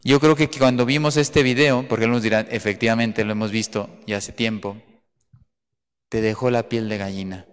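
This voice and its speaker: A man, a priest, giving a homily in a church, telling a story earnestly, pausing and repeating words. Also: fairly low pitch, steady tone, smooth. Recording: long church reverb.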